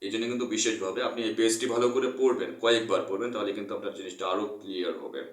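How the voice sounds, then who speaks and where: A man's voice: fairly low pitch, fairly even intonation, racing, recorded from a distance. Echoey man teaching English. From Bangladesh. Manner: earnest, repeats points, mixes English terms. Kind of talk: explaining a textbook lesson. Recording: echoey room, voice off-mic.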